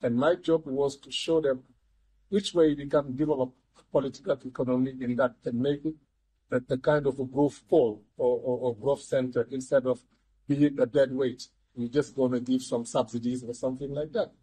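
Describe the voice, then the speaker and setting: An older man speaking as an economist guest in a studio interview, measured and restarting his words often. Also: mid-range voice, fairly even intonation, dark tone, husky, rough recording. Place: TV studio, seated in armchair.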